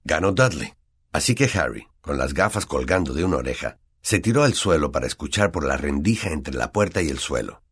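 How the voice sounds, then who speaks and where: A male audiobook narrator with a Latin American Spanish accent and a deep, husky voice. He tells the story expressively, with lively rises and falls. The reading is steady and engaging. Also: brisk.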